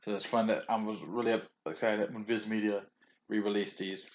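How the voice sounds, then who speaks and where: A man with a somewhat low voice talks his way through a haul video in a loose, rambling way. He restarts sentences, trips over names and chuckles often as he gives his opinions. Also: little pitch movement, a little fast, a little hiss or hum. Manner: chatty and opinionated, with frequent chuckles. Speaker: vlogger reviewing a manga haul.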